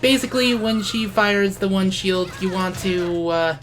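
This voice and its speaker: A woman with a mid-range voice gives casual video game commentary over game music, hesitating often and correcting herself as she goes. The audio is poor.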